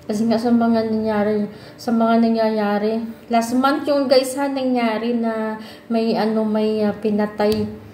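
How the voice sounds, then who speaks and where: A woman's voice: on the high side, flat delivery, measured pace, mellow, a little hiss or hum. Chatty Filipino woman vlogging in an echoey room. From Philippines. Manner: chatty, calls out to viewers often, mixes in English. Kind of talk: casual chat to camera. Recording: echoey room with faint ambience.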